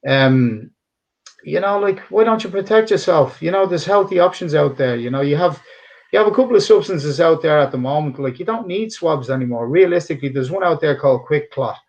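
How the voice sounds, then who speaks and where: Here the same kind of guest, a middle-aged cutman for boxing and MMA, talks in a slightly high, expressive voice and moves fairly quickly. His Dublin Irish accent has a somewhat polished edge. Answering the interviewer with earnest emphasis, he wanders and keeps starting sentences over.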